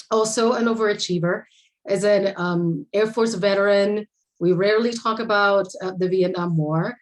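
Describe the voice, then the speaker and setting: A Puerto Rican woman whose first language is Spanish presents remotely at a conference over a video call, sharing a personal story and restarting often. Her voice is medium-pitched, and the recording quality is low.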